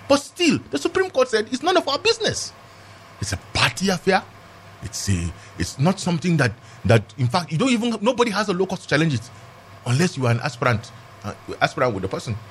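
A man with a Nigerian accent argues a legal point in a discussion. His delivery is quick and very lively in pitch, emphatic and argumentative, with key phrases repeated for stress. There is faint noise in the background. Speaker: legal commentator, guest. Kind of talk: animated political and legal discussion.

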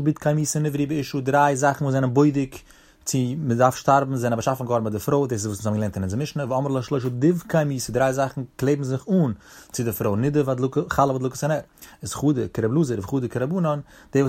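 A man with a Yiddish accent teaching a Talmud class, reading the text in a quick singsong study-hall chant and explaining it. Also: mid-range voice, a little mellow.

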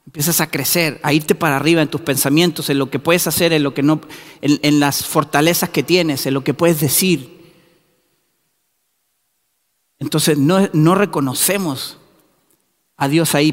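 A man delivers a sermon in a church, his fairly high voice climbing into forceful, repeated exhortations. The room around him rings with a long hall reverb. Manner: rising to emphatic shouted repetitions. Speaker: preacher.

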